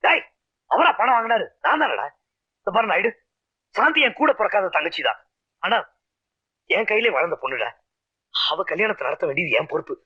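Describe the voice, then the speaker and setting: A harried, shouting young man. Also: high voice, normal speed, pauses often, slightly rough, no echo, full character voice. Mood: earnest. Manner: lively, exasperated, often shouting. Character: harried man caught between quarrelling people. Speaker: film actor. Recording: dull remastered film audio with music.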